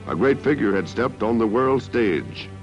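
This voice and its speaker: A man narrates a dramatic 1960s newsreel at normal speed, his lowish voice lively in intonation and his delivery stately and declamatory. The audio carries the dull, lo-fi character of an old newsreel film soundtrack with music.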